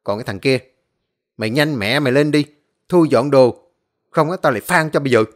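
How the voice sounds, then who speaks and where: A man's voice: medium pitch, fairly quick, natural voice. A man doing a sneering cold-blooded henchman. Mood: contemptuous. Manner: curt, contemptuous orders.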